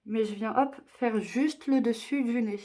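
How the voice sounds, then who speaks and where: A woman's voice: fairly high pitch, a little slow, dark tone. A young woman chatting her way through a makeup tutorial, explaining each step and joking at her own expense. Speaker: beauty vlogger.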